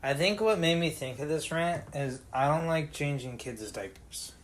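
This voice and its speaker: A young man delivering a profane, deliberately dark comedic rant to camera, exaggerated and complaining. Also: on the high side, a little hiss or hum. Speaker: vlogger.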